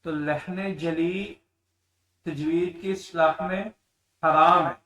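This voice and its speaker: Male Quran tajweed teacher, slightly high voice, explains then chants slowly, mic set back. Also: steady tone, sharp tone, recorded from a distance, low-quality recording. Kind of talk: tajweed lesson with demonstrations.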